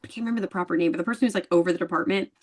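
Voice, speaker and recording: A woman's voice: fairly low pitch, very fast. A woman as an interview guest, telling a story in casual chat and acting out the other people's lines. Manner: animated storyteller acting out dialogue.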